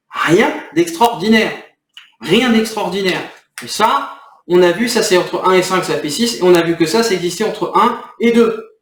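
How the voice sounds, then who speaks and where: In this agitated talking-to-camera vlog, a man rambles irritably about his next video and lets off steam. His voice is high and a bit bright, picked up by a distant mic in an echoey room.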